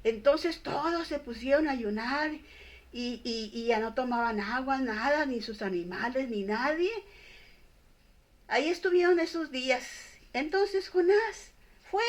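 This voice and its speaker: An older woman telling a Bible story for children, halting and repeating words as she goes. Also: high-pitched, fairly bright tone.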